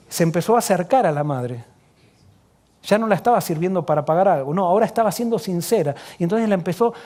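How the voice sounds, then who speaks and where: A middle-aged man with a Rioplatense Spanish accent, a pastor telling a story in a sermon in an earnest way, often dropping to soft, hushed tones. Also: high-pitched.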